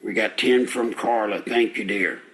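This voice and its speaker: A man's voice: fairly low pitch, normal speed, fairly bright tone. An older man hosting a live talk radio show, out of breath, rambling folksy and indignant with rhetorical questions. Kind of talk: live call-in radio commentary.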